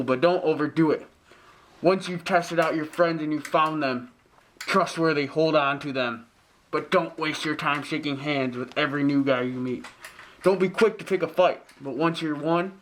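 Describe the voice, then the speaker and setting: Preachy, overbearing dad, acted by a man, slightly high voice, scolding parody delivery. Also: fairly bright tone, close to an everyday voice, poor audio. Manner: lecturing, scolding. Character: pompous, preachy, overbearing father of grown children. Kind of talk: parody drama acting, modern-English Shakespeare.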